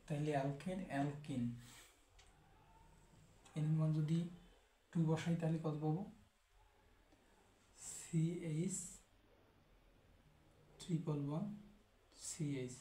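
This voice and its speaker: A man teaching chemistry in a steady, explanatory way, repeating each term as he goes. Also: on the high side, slow, pauses often, a little hiss or hum. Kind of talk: classroom lecture. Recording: echoey room.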